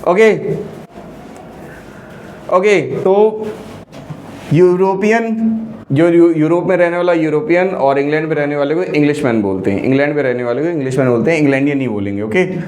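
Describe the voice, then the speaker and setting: A man's voice: fairly high pitch, lively intonation, fairly quick, a little mellow. A man teaching an online grammar lesson, quizzing his students with repeated questions. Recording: echoey room with faint noise.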